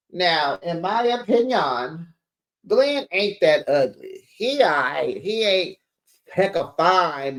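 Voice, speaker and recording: A host, giving a sassy, slangy, casual reality-TV recap straight to viewers. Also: medium pitch.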